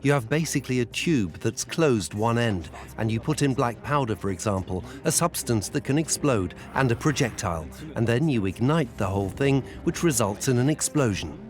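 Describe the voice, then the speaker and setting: A man with a middle-pitched voice explains plainly, as an expert interviewed for a documentary. Light music runs behind him. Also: lively intonation, normal speed, hardly any pauses.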